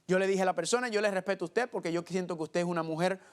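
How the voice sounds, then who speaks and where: A man's voice: high-pitched, very fast, clear, resonant tone. A man preaching a Bible teaching sermon, asking his listeners rhetorical questions and answering them himself, and often calling them family. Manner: keeps addressing listeners as family.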